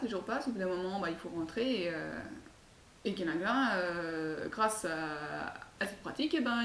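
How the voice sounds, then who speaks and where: A woman telling a folk tale in a casual, chatty way, full of hesitant fillers and asides. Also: medium pitch. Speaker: storyteller. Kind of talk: casual oral storytelling. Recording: echoey room, far mic, faint hiss.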